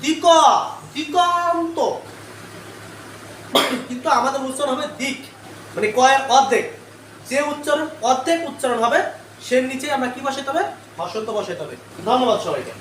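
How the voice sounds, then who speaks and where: A man's voice: very high-pitched, expressive, fast talker, far from the mic. A male teacher giving a live online grammar lesson. He keeps quizzing the class with repeated questions and then answers them himself. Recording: echoey room, away from the mic, faint noise.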